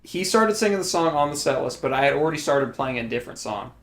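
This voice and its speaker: A man's voice: on the high side, animated, fast. A young man, a guest from a band, chatting casually and jokingly setting the record straight. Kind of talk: casual chat.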